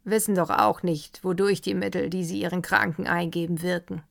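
A woman's voice: lowish voice, moderate pace, gravelly. A woman reading a composed, ironic count. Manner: calm, ironic storytelling. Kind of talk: audiobook reading.

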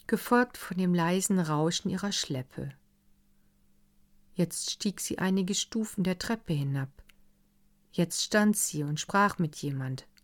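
A woman reads a classic novel aloud in a calm, deliberate audiobook style. Her voice sits low and her pace is unhurried, giving every phrase room. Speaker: narrator. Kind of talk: audiobook reading of classic literary fiction.

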